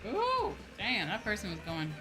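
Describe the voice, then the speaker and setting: Over game music, a VTuber streamer chats casually as she plays, her mid-range voice swooping wildly in pitch at an unhurried pace. She offers her opinions, often ending lines with tag questions and occasionally cursing.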